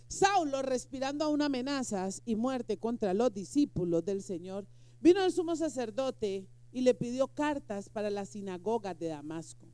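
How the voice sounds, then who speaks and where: A woman's voice: on the high side, mellow. A woman pastor preaching a sermon, emphatic and firing rhetorical questions at the congregation. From Colombia.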